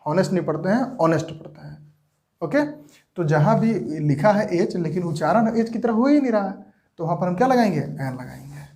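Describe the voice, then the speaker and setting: High-voiced man teaching English grammar. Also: animated, dark tone. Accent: Jharkhand Hindi. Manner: repeats rhetorical questions and answers them himself; stretches words slowly for emphasis. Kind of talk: classroom grammar lesson.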